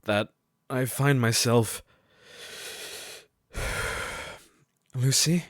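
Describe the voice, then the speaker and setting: A man playing a shy, earnest Victorian gentleman doctor, hesitant and formally polite, in an audio drama. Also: mid-range voice, very slow, dry recording, studio quality. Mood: nervous, hopeful.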